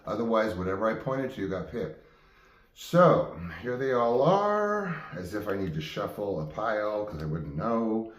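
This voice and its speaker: Hosting his own game show, a man spins off-the-cuff stories for viewers, rambling and interrupting himself as he restarts lines. His fairly low voice is very animated, his pace measured, and the room reverberates.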